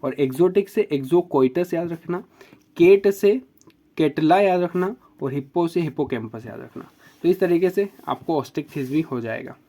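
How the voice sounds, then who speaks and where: A man teaching biology, explaining memory tricks for examples and slowly repeating key words for emphasis. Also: a little high, warm tone.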